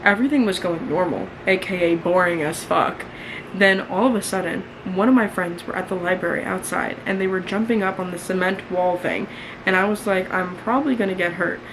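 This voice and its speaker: A woman's voice: lowish voice, moderate pace. A young American woman in her early twenties reads her old diary aloud in a candid, mildly embarrassed way, with chatty, sweary, self-mocking commentary. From New York, United States. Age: early 20s. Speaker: vlogger. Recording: clearly noisy room ambience.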